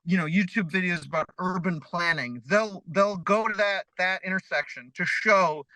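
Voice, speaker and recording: A man's voice: sits high, moderate pace, bright, forceful tone, dry recording, low-quality recording. A man from Chicago co-hosting a podcast, talking in a rambling way full of fillers. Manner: rambling, lots of "you know" fillers. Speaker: podcast co-host. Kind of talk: casual podcast chat.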